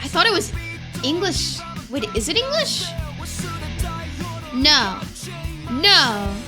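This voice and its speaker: A woman VTuber giving excited, casual reaction commentary, exclamatory and easily amazed. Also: high-pitched, slow pace. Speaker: VTuber reacting to anime openings. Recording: music playing behind the voice. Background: anime theme songs.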